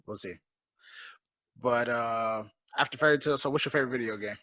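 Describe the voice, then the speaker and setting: A man hosts a casual podcast, friendly and pushy, calling everyone bro. He talks fast with a bright, tense edge, and the sound is dry and close. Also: medium pitch, no echo. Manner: friendly, insistent, says bro a lot. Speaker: podcast host. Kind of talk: casual chat.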